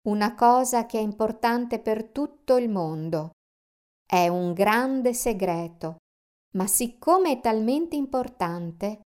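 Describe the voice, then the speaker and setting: A woman voicing a gruff adult male dump guard who thunders his words slowly and emphatically. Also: on the high side, darkish tone. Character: angry burly male dump guard, booming.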